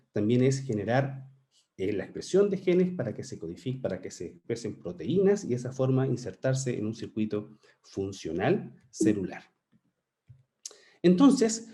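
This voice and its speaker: A man's voice: mid-range voice, dark tone. A man giving a scientific conference lecture, explaining step by step and checking in with "¿cierto?". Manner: occasional restarts and "eh" fillers. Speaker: conference speaker, researcher.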